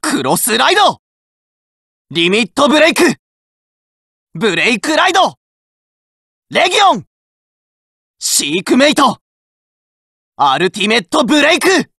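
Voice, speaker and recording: A teenage card fighter from a game, hot-blooded and full of rough boyish bravado, shouts battle calls in a bright, forceful voice that jumps from low growls to high shouts with huge pitch swings. Between cries he stretches his words out slowly. The heavily acted lines are recorded close and dry in a studio, with no echo.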